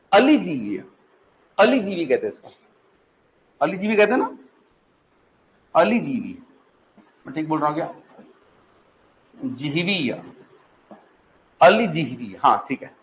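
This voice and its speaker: High-voiced Pahari-accented male teacher. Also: low-quality recording. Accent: Pahari-influenced Hindi. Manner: repeats questions back to the class and calls students "beta"; patient, chatty, checks often that the class follows. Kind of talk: classroom lecture. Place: classroom.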